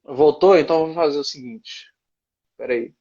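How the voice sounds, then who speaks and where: A man's voice: fairly high pitch, normal speed, a little mellow. A man chatting casually over an online call whose audio glitches and cuts out, checking whether he can be heard. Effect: glitchy call audio cutting out. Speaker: guest on a call. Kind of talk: casual chat. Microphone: online video call. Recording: dull lo-fi call line, distant.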